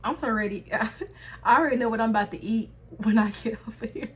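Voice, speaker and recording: A young woman beauty vlogger chatting casually through a makeup tutorial, talking straight to her viewers. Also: a little high. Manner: chatty, addresses viewers as y'all, drawn-out pace.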